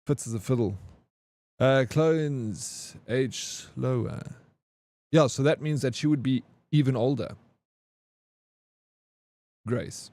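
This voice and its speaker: Warm-voiced man chatting on stream. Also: medium pitch, slow, long pauses, no room sound. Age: 40s. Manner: chatty, joking, reads and answers chat. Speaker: game streamer. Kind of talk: casual live-stream chat.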